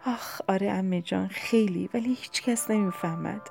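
A woman's voice: medium pitch, gravelly, a little mellow, soft background music, natural voice. A woman voicing a restless, lovesick young woman who pleads impatiently in an audiobook. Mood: impatient, pleading.

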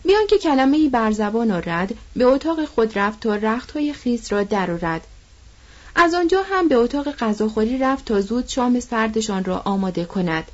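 A woman giving a measured, scripted reading of a novel as an audiobook narrator. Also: fairly high pitch. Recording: dull lo-fi recording.

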